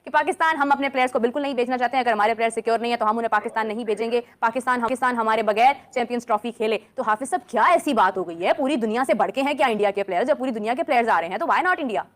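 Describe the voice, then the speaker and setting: A woman's voice: a little high, racing, few pauses. A woman hosting a TV news debate, putting pointed questions to a guest. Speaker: host.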